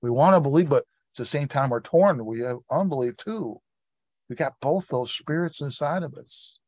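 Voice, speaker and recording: A man's voice: mid-range voice, expressive, moderate pace, darkish tone, dry recording. Casting note: man teaching scripture informally, plain everyday delivery, dry close sound. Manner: conversational, reads scripture aloud with asides. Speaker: Bible study leader.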